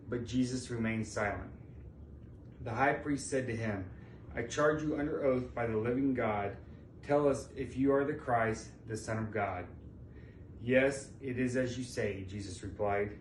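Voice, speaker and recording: A church member gives a solemn scripture reading during a service in a large indoor church, his mid-range voice at a moderate pace. The distant mic picks up an echoey sound with faint noise.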